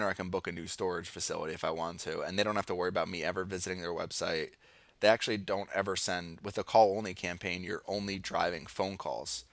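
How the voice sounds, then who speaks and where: A man with an American accent, low-pitched and fairly bright, talks through an online marketing tutorial via casual screen share, thinking aloud as he shows each step. The walkthrough is partly improvised, and there's no room sound.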